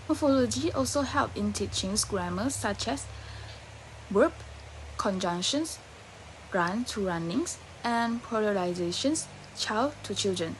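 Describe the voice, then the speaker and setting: A young woman, a student who will teach English, giving a class presentation in a steady read-out way. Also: medium pitch, a little hiss or hum, low-quality recording.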